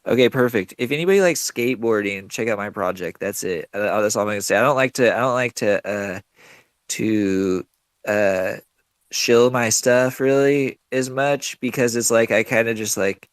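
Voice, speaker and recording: A man's voice: on the low side, normal speed, dry recording. A man chatting casually as a guest caller, loose, slangy and rambling. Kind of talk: casual chat.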